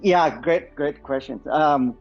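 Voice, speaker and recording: A man's voice: a little high, takes it slowly, husky, highs cut off, faint music behind. A man in his forties from Vietnam with a Vietnamese accent, a nonprofit founder answering interview questions with many fillers and restarts.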